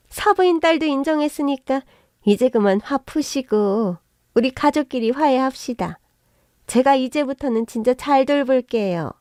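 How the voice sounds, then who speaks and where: A woman playing a sly young husband in a spoken story, fawning and pleading as he wheedles. Her voice sits a little high for the part and stays soft and mellow. The recording is close and dry. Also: dry recording, natural voice. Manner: ingratiating, pleading. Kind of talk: narrated story with acted voices.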